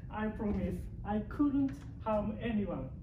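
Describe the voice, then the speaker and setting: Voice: mid-range voice, lively intonation, slow pace, narrow, tinny audio. A performer in an amateur stage play playing an apologetic runaway tanuki. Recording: echoey noisy classroom, distant microphone.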